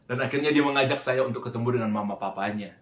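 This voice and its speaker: A man pastor telling a personal story in a sermon, lively and often turning to address his listeners directly. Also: mid-range voice, fast talker. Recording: echoey room.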